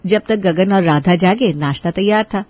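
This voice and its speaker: Husky woman narrating a storybook cartoon. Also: mid-range voice, normal speed, no room sound, dull audio.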